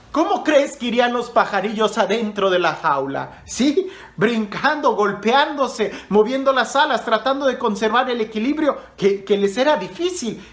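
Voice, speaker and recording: A man's voice: high voice, a bit bright, roomy sound. A male priest telling a story in a conversational sermon, addressing the listener directly.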